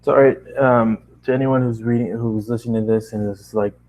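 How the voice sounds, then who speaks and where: His mid-range voice is steady, fairly quick and somewhat dark, heard in a rough recording. He's a tired amateur reader of fan fiction, running out of steam, frequently stumbling and rereading phrases.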